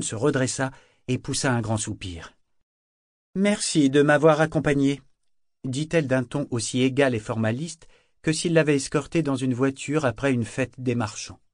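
A man's voice: medium pitch, no room sound. Man narrating a novel, dry and close. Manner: measured, dramatic storytelling. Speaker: audiobook narrator. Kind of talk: scripted narration.

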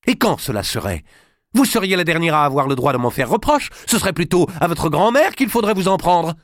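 Man doing a raging young king, shrill, strained shouting, dry close sound, storybook scene. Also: very animated, fairly quick, no echo. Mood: defiant. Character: furious young king, male, hot-tempered and guilty.

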